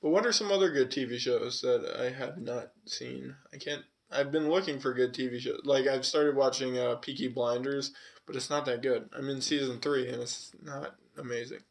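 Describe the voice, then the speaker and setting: A Californian podcast co-host with a touch of Southwestern accent talks at normal speed in a creaky, medium-pitched voice. His chat is casual and meandering, sprinkled with fillers and curse words.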